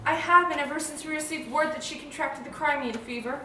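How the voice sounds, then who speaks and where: Woman acting an anxious high-voiced mother, echoey stage. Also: brisk, sharp tone. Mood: worried. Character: anxious, protective mother of grown daughters. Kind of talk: stage play dialogue. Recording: echoey, distant stage mic, faint noise.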